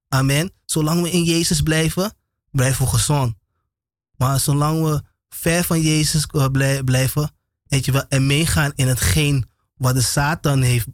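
A man's voice: on the high side, no room sound, clean studio sound. A man preaching an informal radio sermon, repeating phrases with many amens and short laughs.

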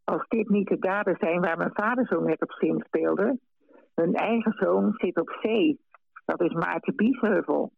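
Gravelly high-voiced man telling a story. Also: measured pace, dry recording. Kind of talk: radio story narration. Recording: dry dull lo-fi radio recording.

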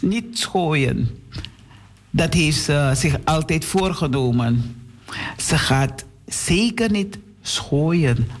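Gentle slow-reading storyteller man. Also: on the high side, husky. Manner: gentle, addresses children directly. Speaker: children's storyteller. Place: radio studio.

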